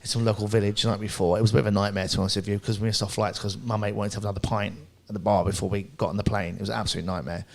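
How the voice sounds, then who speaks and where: Fast-talking man telling stories. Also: on the low side, vocal fry. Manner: fast, animated storytelling with swearing and laughter. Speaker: podcast co-host. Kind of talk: casual chat.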